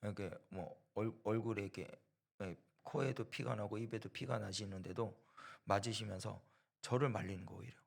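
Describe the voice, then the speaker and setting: A man preaching a sermon in a gravelly, rough-edged voice. He drives points home with repeated phrases and rhetorical questions, slipping into the voices of people in his story. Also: on the low side, moderate pace. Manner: emphatic, rhetorical questions and repetition; storytelling that acts out quoted voices. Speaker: preacher at a church.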